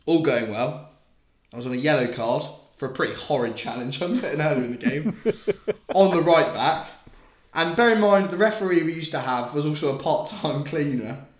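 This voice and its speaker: A man's voice: a little high, normal speed. A young man from England on a podcast, chatting and telling stories, laughing often and acting out scenes. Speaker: podcast co-host. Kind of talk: casual chat. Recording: roomy echo.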